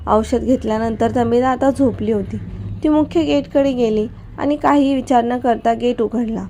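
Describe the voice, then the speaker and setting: A woman narrating an emotional family story in a steady, even reading voice. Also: fairly high pitch, moderate pace, slight background noise.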